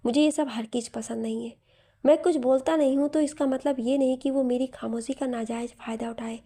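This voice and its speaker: A woman's voice: high-pitched, fairly even intonation, brisk, warm tone. A woman voicing a shy, stubborn young man in a story, sounding sulky and defensive. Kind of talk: storybook narration.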